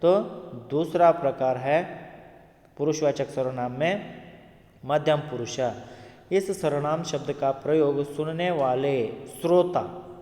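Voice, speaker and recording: A man teaching Hindi grammar, explaining slowly and listing example words one at a time. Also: fairly high pitch, mellow. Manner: slow, deliberate, repeats lists of example words one by one. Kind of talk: classroom explanation with spoken examples. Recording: echoey room with long reverb.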